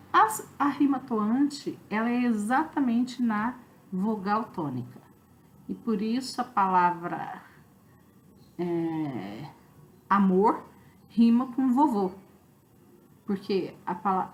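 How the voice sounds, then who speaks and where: A woman's voice: fairly high pitch, darkish tone, a little hiss or hum, rough recording. A woman with a Brazilian Portuguese accent giving an online review lecture as a literature teacher. She explains step by step and often checks in with "né?" and "tá?". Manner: explanatory, many fillers like "né?" and "tá?".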